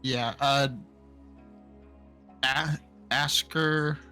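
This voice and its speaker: A man's voice: on the high side, fairly even intonation, extremely slow, sharp tone. A man playing a tabletop role-playing game, speaking casually with hesitant, stammering starts. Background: background music.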